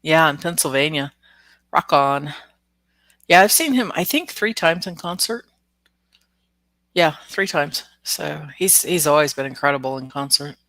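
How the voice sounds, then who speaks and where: Hosting a live stream as an oracle card reader, this woman speaks in a deep, slightly bright voice with lively intonation, taking her time and pausing often. The flu has left her stuffed up and nasal, yet she stays chatty, laughs a lot, and greets commenters by name. The recording is dry.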